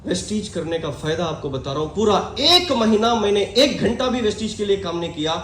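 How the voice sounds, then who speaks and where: A man giving an energetic live motivational seminar talk, shouting questions out to his audience in a large hall. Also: high-pitched, a little fast, slight background noise. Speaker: motivational speaker. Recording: echoey hall with crowd.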